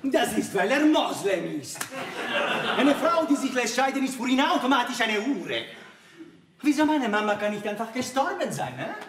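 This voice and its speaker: An actor with an Italian accent playing an excitable, indignant young Italian man who protests loudly in a stage comedy. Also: very high-pitched, moderate pace, exaggerated voice. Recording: roomy, noisy stage recording from far off.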